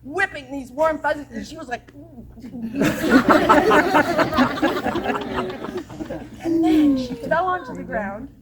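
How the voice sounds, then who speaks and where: A woman telling a story to a camp audience in an animated, laughing, playful way. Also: high voice, a little slow, a loud crowd, heavy background noise. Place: camp chapel gathering with audience.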